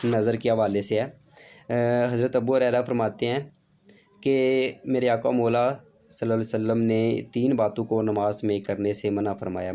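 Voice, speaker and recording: A man's voice: mid-range voice, dark tone. A man teaching a religious lesson in an informal, repetitive way, full of fillers. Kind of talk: explanatory lesson.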